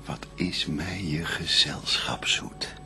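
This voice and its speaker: A man's voice: very deep voice, fairly even intonation, takes it slowly, pushed and bright, whispered, faint music behind, exaggerated voice. An actor playing Adam, a devout and adoring first man, declaiming solemn verse in a stately, lyrical manner in a radio play. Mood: tender, adoring.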